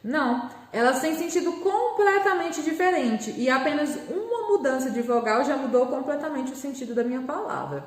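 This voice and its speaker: A Brazilian woman gives a lesson to young children, patiently sounding out each word syllable by syllable. Her voice sits high. The recording carries a noticeable room echo. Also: sing-song. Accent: Brazilian Portuguese. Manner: patient, slow, spells words out syllable by syllable. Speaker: primary school teacher. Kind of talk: remote class lesson.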